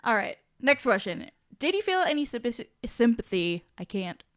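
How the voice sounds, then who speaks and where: In casual chat as a podcast co-host reading listener questions, a woman speaks with a fairly bright, slightly high voice that swings widely in pitch at a moderate pace. Her manner is giggly and irreverent, and she swears loosely and casually.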